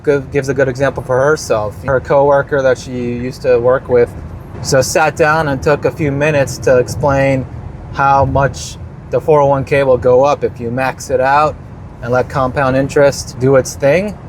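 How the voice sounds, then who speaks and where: A man's voice: medium pitch, little pitch movement, moderate pace, a little hiss or hum. Blunt, profane man musing casually. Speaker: investing vlogger. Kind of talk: casual monologue.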